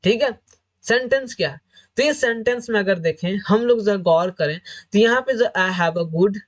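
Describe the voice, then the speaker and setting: A male English teacher walks students through grammar for an exam, restating every rule again and again. He leans on filler phrases between points, keeping a steady teaching flow. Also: sits high, normal speed. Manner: repetitive, explains each point several times over. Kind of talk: exam-prep grammar lesson.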